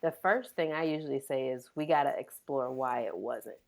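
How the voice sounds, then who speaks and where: A woman's voice: a bass voice, moderate pace, gravelly. A woman in her thirties, a pediatric physical therapist, speaking earnestly as a guest in a podcast interview.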